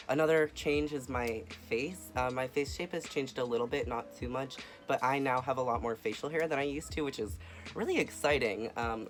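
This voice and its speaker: A young adult male vlogger gives a casual personal update, speaking softly and earnestly into his camera with frequent ums and uhs. His pitch is an ordinary middle range for a man, and light music plays faintly in the background.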